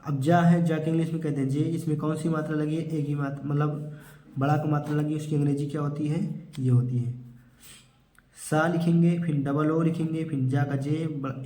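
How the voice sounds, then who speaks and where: A man's voice: on the high side, dark tone. Patient male teacher in an echoey room. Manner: patient, repetitive, asks and answers his own questions. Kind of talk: children's spelling lesson.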